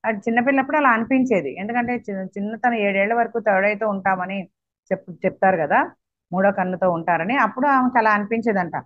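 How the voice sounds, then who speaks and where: A woman reads a passage aloud and then retells it in her own easy, conversational words. Her pitch sits in a middling range. The recording is dry and a little muffled. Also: quick pace, dry recording. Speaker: study session leader. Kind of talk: reading a book aloud and retelling it.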